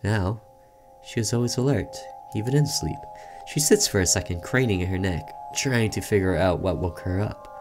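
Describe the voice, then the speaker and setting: Over music, a low-voiced man speaks at an ordinary pace. He hosts a gaming video, reading out the game's narration in a loose let's-play style and reacting informally in between.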